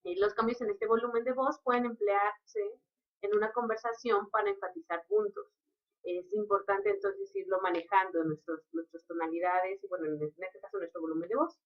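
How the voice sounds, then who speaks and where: A woman explains her points in an unhurried, teaching manner. Her voice sits in the middle range for a woman. The recording is dull and lo-fi. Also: medium pitch, steady tone. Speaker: lecturer. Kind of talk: recorded lecture.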